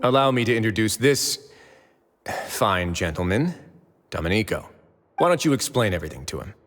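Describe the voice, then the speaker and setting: A man voicing a smooth, confident male warden in a game, speaking with assurance, with long reverb under music. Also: fairly low pitch, very animated, normal speed, a bit bright. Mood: assured.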